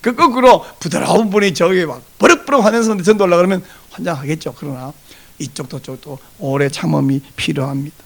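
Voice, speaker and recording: A man preaching a Sunday sermon as pastor, lively and animated, acting out the voices of people he quotes. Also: fairly high pitch, quick pace, creaky.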